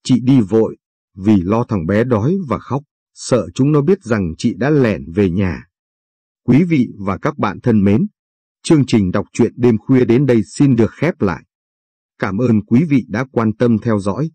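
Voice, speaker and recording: Male late-night storyteller, low dark husky voice, calm measured read. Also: no echo. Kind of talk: scripted story narration.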